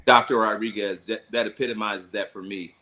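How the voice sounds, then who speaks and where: A man co-hosting a casual podcast, speaking in a reflective, deliberate way. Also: fairly low pitch, steady tone, pushed and bright, rough recording. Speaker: co-host. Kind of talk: casual chat.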